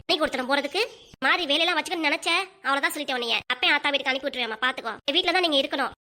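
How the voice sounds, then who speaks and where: A woman's voice: sits high, rapid-fire, sharp tone. A woman voicing a bossy older mother-in-law in a cartoon, harsh and threatening. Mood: scolding.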